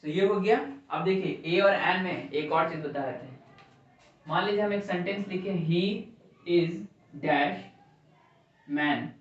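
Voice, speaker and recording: An English teacher, a man with a high voice speaking at normal speed, leads a grammar lesson, questioning the class and echoing their answers. The recording is dull and echoey, picked up from far off in the classroom.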